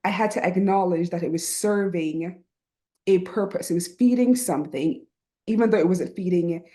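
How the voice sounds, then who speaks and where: A lowish-voiced woman speaking at normal speed, she is middle-aged, from Barbados, and carries a Barbadian accent. In this reflective conversational interview she's the guest, a writing program founder, earnest in tone and often asking "right?" between soft laughs.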